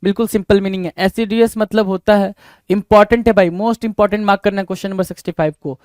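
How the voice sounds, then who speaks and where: A man's voice: high voice, fairly even intonation, fairly quick, a little mellow, no room sound, clean studio sound. A man teaching a vocabulary lesson for competitive exams, who keeps asking rhetorical questions and answering them himself. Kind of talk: exam-prep vocabulary lesson.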